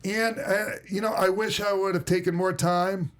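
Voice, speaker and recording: A man's voice: high-pitched, little pitch movement, moderate pace. A middle-aged man with a Minnesota accent, telling stories on a podcast in a loose, rambling way full of fillers and restarts. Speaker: podcast host and former wrestler. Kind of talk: casual podcast storytelling.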